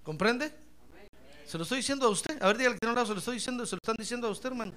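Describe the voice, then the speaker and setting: A male pastor delivering a sermon in a tense, piercing voice, and his pitch leaps all over the place. He drops to quiet, confiding asides and then bursts into shouted praise, always speaking straight to his listeners. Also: lively intonation, very fast. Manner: preaching with direct address, swinging from quiet asides to shouted praise.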